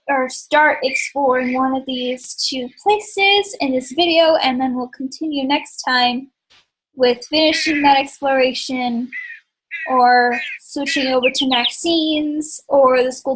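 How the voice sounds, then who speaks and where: Slow, high-voiced woman narrating a game. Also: slightly rough, low-quality recording. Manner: chatty, sarcastic asides, thinks aloud. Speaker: gaming channel host. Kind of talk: let's play commentary.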